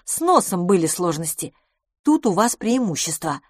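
A woman reading the part of a confident, boastful beauty salon owner in an audiobook, speaking briskly and emphatically. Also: lowish voice, big pitch swings, no room sound, clean studio sound.

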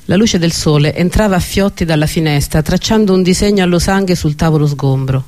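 A man narrating an Italian novel in a steady, expressive reading voice. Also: a little high, a little fast. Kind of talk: audiobook narration.

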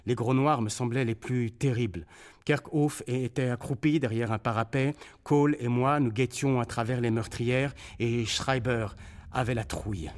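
A man giving an expressive, dramatic reading of a war memoir for radio, voicing the sounds of shells and cries. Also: medium pitch, normal speed. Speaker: reader on a radio documentary.

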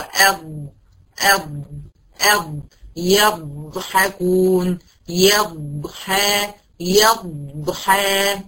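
A woman's voice: medium pitch, rough recording. Woman with an Egyptian accent teaching recitation. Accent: Egyptian Arabic. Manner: patient, explanatory, asks her own questions and answers them; repeats short demonstration syllables. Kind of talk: tajweed lesson to female students.

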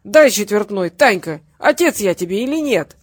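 A reader voicing a drunk middle-aged father who shouts, curses and drags his words in an audiobook. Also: mid-range voice, expressive, moderate pace, no room sound, studio quality, natural voice. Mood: drunken bellowing. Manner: shouting, slurred, drawn out. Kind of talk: audiobook character voice.

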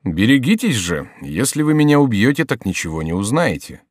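A man's voice: medium pitch, sing-song, brisk, dry recording, clean studio sound. A man voicing a frightened male monk who answers evasively and pleads under threat. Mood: pleading.

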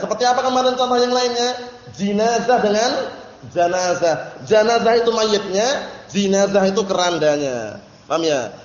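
A man's voice: high-pitched, roomy sound, big-room sound, muffled recording. A man giving a religious study lecture, explaining terms patiently and checking that his listeners follow. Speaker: religious teacher.

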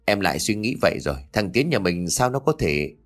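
A man's voice: on the low side, sing-song, brisk, soft background music. A man voicing a shaken young farmer husband in a ghost-story audiobook, talking in a troubled, hesitant way. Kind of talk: audiobook character voice.

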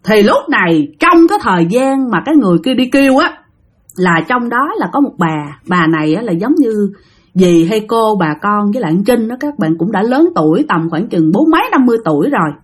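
A woman's voice: mid-range voice, very animated, a little fast, slightly rough. A woman with a Southern Vietnamese accent telling a ghost story in a chatty way, speaking directly to her listeners. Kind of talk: spoken ghost story narration.

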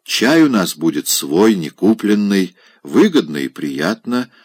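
A man's voice: lowish voice, big pitch swings, a little slow, darkish tone, no room sound. A man voicing a talkative, opinionated landowner who holds forth at length, in an audiobook reading. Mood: holding forth. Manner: holding forth, self-satisfied.

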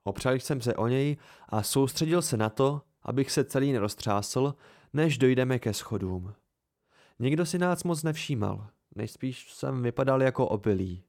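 A man gives a measured first-person audiobook narration with an amateur touch. His voice sits at an ordinary middle pitch. He tells the story in an even, steady way. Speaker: audiobook reader.

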